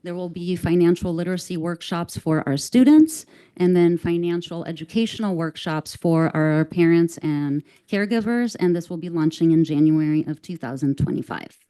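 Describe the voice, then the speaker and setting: A woman giving a measured, earnest formal presentation at a school board meeting, with an occasional "um", speaking into a microphone. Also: on the low side, mellow, smooth. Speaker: district staff presenter.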